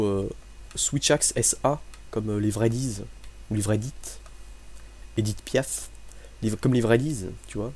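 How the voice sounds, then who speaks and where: A man's voice: mid-range voice, darkish tone. A young man from France giving casual, joking gameplay commentary, rambling and mocking himself as he plays. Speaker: gaming commentator.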